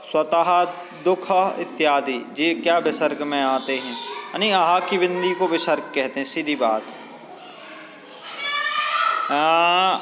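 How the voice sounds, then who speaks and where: Guy teaching grammar really slow, kinda high voice, stretches words out, echoey hall w some faint background hum. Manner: slow, drawn-out explaining with many fillers, stretching example words. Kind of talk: Hindi grammar lesson. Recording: long hall reverb, faint ambient noise.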